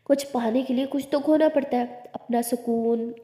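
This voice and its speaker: A woman voicing a caring, gently bossy college girl. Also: on the high side, fairly even intonation, moderate pace, close to an everyday voice. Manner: soothing, coaxing, lightly scolding. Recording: echoey reverberant room.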